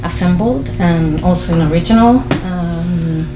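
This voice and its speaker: A woman from Chile, a filmmaker, giving a halting introduction to her lecture performance with many fillers and restarts. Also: fairly low pitch. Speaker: filmmaker and guest artist. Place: small film venue. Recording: echoey room with noise.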